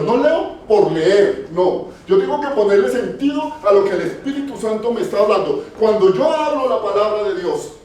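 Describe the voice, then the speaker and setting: A man's voice: sits high, a little mellow, slight background noise. A male preacher giving a sermon, emphatic and repeating phrases for stress, in a church hall. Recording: very echoey hall, voice far off.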